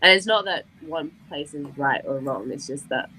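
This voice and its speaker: A young woman, a guest artist, chatting in a bubbly, expressive way. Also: low voice, normal speed, husky, low-quality recording. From Australia. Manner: bubbly, expressive, says "like" a lot. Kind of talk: casual chat.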